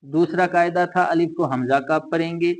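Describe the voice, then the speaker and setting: A man's voice: a little high, fairly even intonation, moderate pace, rough recording. A man teaching a Quran reading lesson for children, patiently repeating letters and drilling each syllable aloud. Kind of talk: slow step-by-step recitation lesson.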